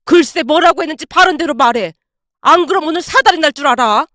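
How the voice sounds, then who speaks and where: A woman's voice: high-pitched, animated, fairly quick, bright, forceful tone, dry recording, clean studio sound. A woman voicing a stern older father-in-law who scolds his wife. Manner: stern, demanding.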